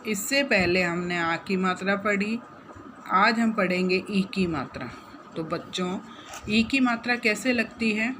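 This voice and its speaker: A woman teaching a phonics lesson to young children, gently repeating and drawing out syllables and asking the class questions. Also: mid-range voice, a little slow, slight background noise. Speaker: primary school teacher.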